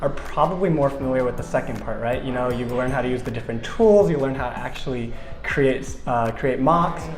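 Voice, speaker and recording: A man's voice: medium pitch, a little fast. A man hosting an interview, asking casual questions with brief friendly prompts. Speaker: interview host. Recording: roomy sound with faint background music.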